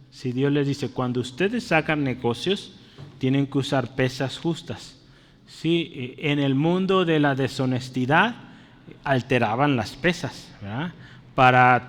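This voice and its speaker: A man's voice: mid-range voice, in a large hall. A man preaching a sermon earnestly, calling his listeners brother and asking them questions. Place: church.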